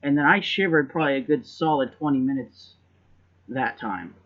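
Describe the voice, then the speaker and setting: A man's voice: mid-range voice, moderate pace, muffled recording. A man hosting a podcast in casual chat, rambling and reflective and often repeating words as he thinks. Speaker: podcast host.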